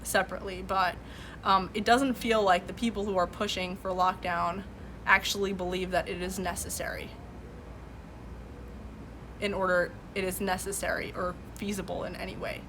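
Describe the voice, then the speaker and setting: Broadcasting live from a room in her home with boxes behind her, a woman whose first language is Farsi talks earnestly about current events and answers chat. Her mid-range voice barely moves in pitch at a moderate pace, full of fillers and restarts, against a noisy background.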